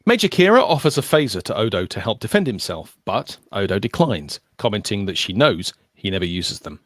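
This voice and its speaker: A man hosting a podcast, reading out an episode summary with animated asides in a casual chat. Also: on the low side, a little fast, dry recording. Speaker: podcast host. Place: recorded podcast session.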